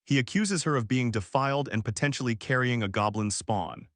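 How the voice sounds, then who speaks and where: A man's voice: medium pitch, brisk, fairly bright tone, dry recording, studio quality. A man narrating a comic recap in a scripted storytelling voice.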